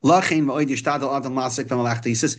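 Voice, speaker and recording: A man's voice: mid-range voice, steady tone, fast. Man teaching. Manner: hesitant, repeats and restarts phrases while explaining. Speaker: religious teacher. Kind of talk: informal religious text lesson, reading and explaining.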